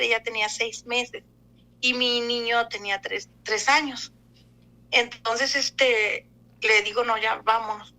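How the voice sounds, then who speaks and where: A woman giving an emotional personal testimony, talking haltingly with many fillers and restarts. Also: fairly high pitch, sharp tone, poor audio. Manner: fearful, emotional retelling.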